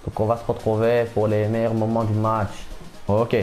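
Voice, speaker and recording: A young man commentating his own football video game match, excitable and quick to shout and repeat himself. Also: on the low side, over music. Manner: excitable, shouts at big moments, repeats phrases rapidly. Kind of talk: casual live gameplay commentary.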